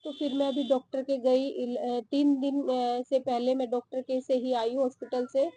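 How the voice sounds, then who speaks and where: A young woman vlogging from her garden, short of breath and talking slowly with pauses. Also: high voice, flat delivery, mellow. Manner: slow, breathy-paced talk with pauses. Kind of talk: casual vlog talk to camera. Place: home garden outdoors.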